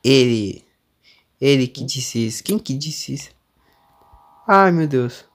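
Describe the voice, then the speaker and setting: A man's voice: mid-range voice, expressive, slow. A young man with a Brazilian accent doing let's-play commentary on a horror game, nervous and jumpy, exclaiming often as he goes. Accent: Brazilian Portuguese. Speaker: gamer streamer.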